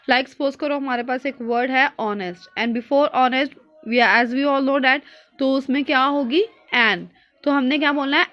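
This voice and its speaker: A woman teaching exam speaking tips, mixing English and Hindi and often asking "Clear?". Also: high-pitched, a bit bright, dull audio. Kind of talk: spoken-exam tips lesson.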